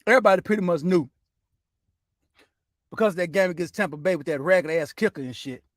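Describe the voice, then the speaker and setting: Male sports show host, high-ish voice, dry close sound, profane ranting delivery. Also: fairly quick, no echo. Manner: loose, profane, says "man" constantly. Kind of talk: casual sports rant.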